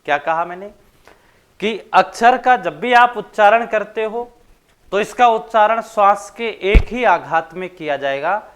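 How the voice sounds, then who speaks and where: Slow, clear-voiced male Hindi teacher. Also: high voice, a bit bright. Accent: Rajasthani Hindi. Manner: slow, repetitive dictation with questions to students. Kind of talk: grammar class lecture, dictating notes.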